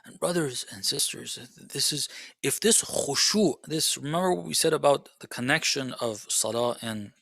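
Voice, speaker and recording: Bright-voiced man giving a religious lecture. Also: moderate pace, vocal fry, no room sound. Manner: conversational, rhetorical questions, frequent "okay?"; swings between soft low asides and raised emphatic passages. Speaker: Islamic lecturer.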